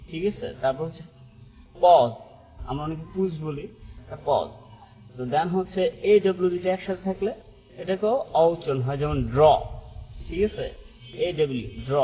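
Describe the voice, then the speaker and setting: A man's voice: a little high, a little mellow, low-quality recording. A man teaching an English pronunciation lesson, explaining step by step and often checking in with "right?". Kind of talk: spoken language lesson.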